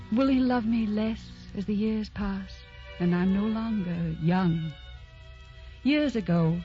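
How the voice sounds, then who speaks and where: An actress narrates and hosts an old radio drama as the spirit of romance, a dreamy, tender storyteller. Her medium-pitched, warm, natural voice is lyrical, intimate and dramatic. The vintage radio recording sounds dull and carries music.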